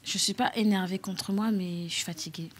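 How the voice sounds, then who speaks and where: A young woman with a French accent telling her own story as a talk show guest, halting, with many fillers and restarts. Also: medium pitch, steady tone, slight background noise. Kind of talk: personal testimony on a talk show.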